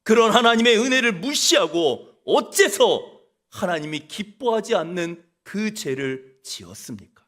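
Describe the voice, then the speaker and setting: A preacher playing a prophet who gravely accuses a king. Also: high-pitched, a bit bright, exaggerated voice. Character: stern prophet rebuking a king.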